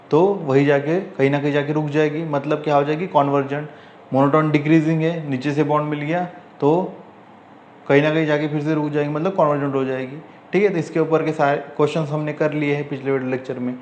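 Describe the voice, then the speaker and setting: Indian male math teacher, questioning and repetitive, slow dictation, echoey room. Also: fairly high pitch, a little mellow. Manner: repetitive, asks the class questions, slow dictation of English terms. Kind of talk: whiteboard math lecture. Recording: echoey room, faint ambient noise.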